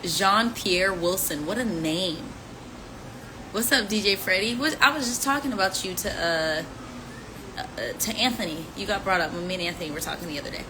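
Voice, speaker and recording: A woman in her twenties, with a mid-range voice and moderate pace, casually chats and teases while answering fan questions on a live stream, throwing in playful rhymes. The audio comes from a phone live stream, captured on the phone's mic with background noise.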